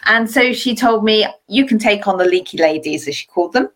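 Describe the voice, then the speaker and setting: A woman's voice: mid-range voice, animated, brisk. A middle-aged British woman talking conversationally as an interview guest, a health professional describing her work. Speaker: guest, pelvic health physiotherapist.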